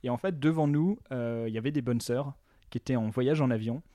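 A man's voice: mid-range voice, a little fast, mellow, dry recording. A young man telling a funny embarrassing story in casual podcast chat, self-mocking, laughing now and then, with frequent hesitations. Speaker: podcast guest.

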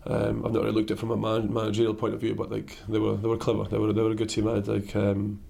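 A man with a croaky voice gives a post-match interview as a caretaker player-manager. He talks quickly in a low, flat tone with a gravelly edge, restarting sentences and repeating himself as he goes. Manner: halting, repeats words and restarts.

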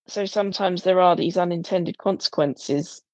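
A woman's voice: fairly low pitch, normal speed, no room sound. A woman co-hosting a casual tech podcast, asking lots of questions. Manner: questioning, chatty. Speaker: podcast co-host.

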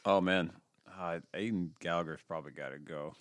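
A man's voice: low voice, fairly quick, dry recording. A man co-hosting a podcast, chatting casually and joking with friends. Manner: joking, relaxed banter with laughs. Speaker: podcast co-host. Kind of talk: casual chat.

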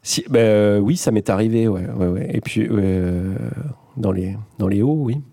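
A man's voice: on the low side, measured pace, warm tone. Writer guy from the vosges, umms a lot, laughs at himself. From Vosges, France. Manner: hesitant, self-mocking, laughs often. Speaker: author, guest. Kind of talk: casual chat.

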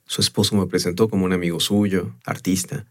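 A man narrating a story in the first person in a measured, unhurried way. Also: low voice, steady tone. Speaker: audiobook narrator.

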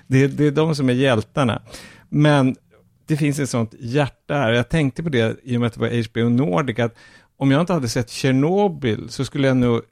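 A man's voice: medium pitch, a little mellow, no room sound, studio quality. A man hosting a casual chat and recommending a comedy series, chuckling as he talks. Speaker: podcast host reviewing films and series.

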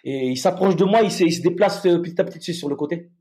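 Halting, dark-voiced man telling a story. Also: high voice. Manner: halting, with many repeated restarts. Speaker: soldier. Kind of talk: emotional personal storytelling.

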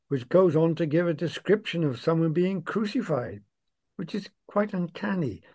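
A man's voice: on the high side, mellow. A man co-hosting a conversational Bible discussion, guiding the talk and leading into the readings. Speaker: Bible study co-host.

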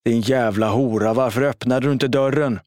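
A man voicing a violent, furious boyfriend who shouts curses through a door. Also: mid-range voice, steady tone, no echo, studio quality, voice pushed up, natural voice. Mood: raging. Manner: shouting, cursing.

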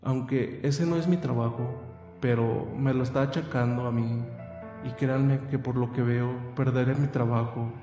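A man voicing a worried middle-aged farmhand father who speaks slowly and heavily over background music. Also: medium pitch, fairly even intonation, reverberant, long reverb tail, natural voice. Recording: music playing under the voice.

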